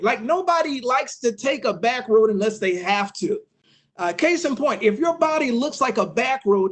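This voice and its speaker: A man from Savannah, Georgia, doing a stand-up comedy set for an online webinar, animated and acting out voices with sudden loud bursts. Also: very high voice.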